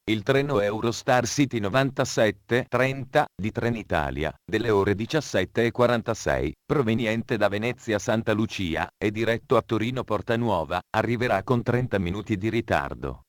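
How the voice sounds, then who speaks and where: A man reading scripted train station announcements in a formal, measured way. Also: on the low side, lively intonation, no echo, clean studio sound.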